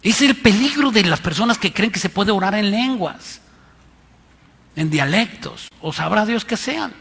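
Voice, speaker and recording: A man's voice: sits high, animated, a little slow, gravelly, a bit bright, husky. A man with a Mexican accent preaching a sermon as pastor, emphatic and repeating his key lines. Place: church hall. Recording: reverberant church hall.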